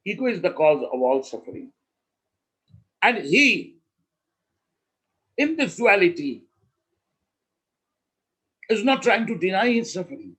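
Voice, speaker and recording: A man as a spiritual teacher, telling a story in a slow, measured way with emphatic pauses. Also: high voice, big pitch swings, pushed and bright, breathy edge, rough recording.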